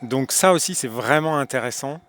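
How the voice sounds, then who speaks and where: A man's voice: medium pitch, animated, normal speed, fairly bright tone. A man with a French accent talks to camera in a loose spoken monologue, out of breath, full of hesitations and restarts. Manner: hesitant, many fillers and restarts. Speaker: spiritual video host.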